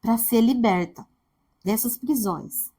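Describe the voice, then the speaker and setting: A woman's voice: a little high, slow pace, dark tone, slightly rough. A woman from Brazil preaching a sermon, telling a family story and acting out the quoted voices.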